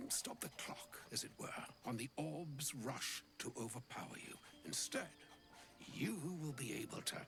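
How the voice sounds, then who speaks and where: An actor playing a grave old wizard in a fantasy game, speaking in solemn, theatrical, archaic phrases. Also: male voice, a little high, creaky, a bit bright, exaggerated voice. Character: grave, ornate-tongued old male wizard bearing a divine charge. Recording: music bed under the voice.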